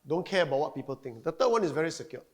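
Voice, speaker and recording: A man preaching a sermon in short, broken English phrases, pausing for an interpreter and sometimes acting out voices. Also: on the high side, big pitch swings.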